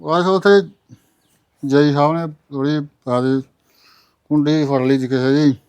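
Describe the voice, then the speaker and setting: An actor playing a drunk husband in a comedy web series, trying to calm his angry wife with slurred excuses. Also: fairly high pitch, measured pace, clean tone, lightly acted. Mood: placating drunk.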